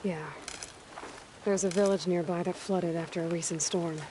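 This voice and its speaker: An actress playing a determined young huntress in a video game, speaking in an earnest, understated way. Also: female voice, on the low side, steady tone, normal speed, mellow, a little hiss or hum, natural voice, rough recording. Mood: conversational. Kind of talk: video game character acting.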